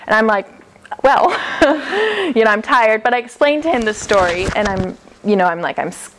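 A young American woman tells a personal story live in an indoor, classroom-style hall, chatting, laughing often and acting out the quoted lines. Her voice sits on the high side and is very animated at a moderate pace. She's picked up by a far-off camera, with background noise.

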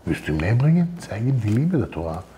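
A man's voice: on the low side, fast, slight background noise. A man giving an informal Torah talk, telling personal stories and acting out the dialogue in them. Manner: animated, acts out quoted dialogue. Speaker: Torah teacher.

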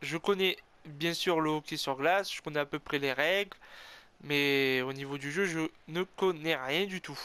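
A man's voice: on the high side, moderate pace, smooth. A man commentating his own ice hockey video game match, cheering, groaning and correcting himself as he plays. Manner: animated, cheering and groaning, frequent "oh là là" exclamations; self-corrects and admits being an amateur. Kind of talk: excited play-by-play game commentary.

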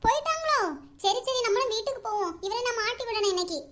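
A woman's voice: very high voice, animated, quick pace, a bit bright, a little hiss or hum. A woman voicing a nosy, cheeky teenage sister in a cartoon who plans to tell on her brother. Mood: scheming. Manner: teasing, scheming.

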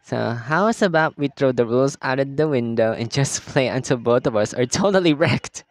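A man's voice: medium pitch, lively intonation, moderate pace, no echo, lightly acted. A man doing a teasing menacing merman boy. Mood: reckless. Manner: teasing, sing-song, giggling. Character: playful menacing teenage merman who toys with prey.

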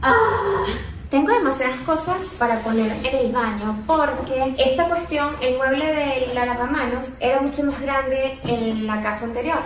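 Bubbly young woman vlogging in an echoey flat. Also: high voice, unhurried, slight background noise. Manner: chatty and bubbly, laughing often. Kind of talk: casual vlog chat to camera. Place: empty new apartment, echoey rooms indoors. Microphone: handheld phone camera at arm's length. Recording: echoey empty room with music under.

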